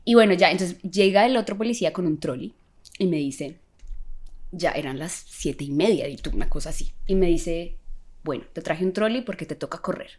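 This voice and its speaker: A young woman tells a personal story in a lively, casual way, slipping into the voices of the people she met. Her voice sits fairly low for a woman. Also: brisk. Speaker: podcast guest sharing a testimony.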